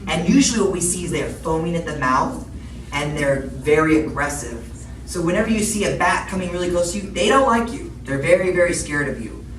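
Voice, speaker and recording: A middle-aged woman explains things to children in plain, simple language, often checking in with questions. She is picked up from a distance in a very echoey room, with clear background noise. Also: on the low side, animated, brisk. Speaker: public health educator presenting to children. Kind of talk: interactive educational talk, explaining to children.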